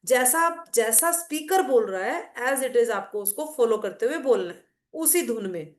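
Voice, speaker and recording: Middle-aged woman giving a class, chatty and explaining stuff, a bit high voice, roomy echo. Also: lively intonation, measured pace. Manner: conversational, explaining with anecdotes and asides. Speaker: teacher of a devotional class. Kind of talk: casual Hindi class talk mixing English.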